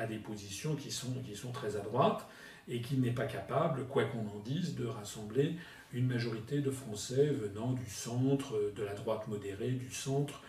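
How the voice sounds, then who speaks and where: A man's voice: medium pitch, a little mellow. A man answering as a political spokesman, hesitant with many fillers and restarts. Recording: echoey room from far off.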